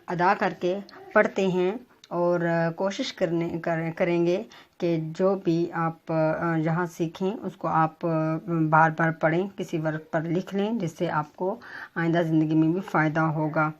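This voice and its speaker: Woman teaching pronunciation, slow and formal. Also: lowish voice, steady tone, dull audio. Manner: spells out vowel marks slowly, word by word; careful, formal delivery with frequent hesitations. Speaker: Urdu teacher. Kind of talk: pronunciation lesson to students.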